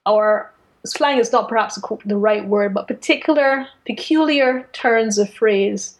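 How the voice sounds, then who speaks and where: A woman co-hosting a literary discussion, articulate and careful in choosing her words. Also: medium pitch. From Caribbean. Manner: articulate, deliberate, careful with word choice. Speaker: podcast co-host. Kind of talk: literary discussion, casual chat.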